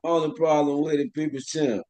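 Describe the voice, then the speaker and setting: A man co-hosting a casual sports podcast, expressive and swinging between loud and quiet. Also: fairly high pitch, fairly quick, dry recording. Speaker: podcast co-host.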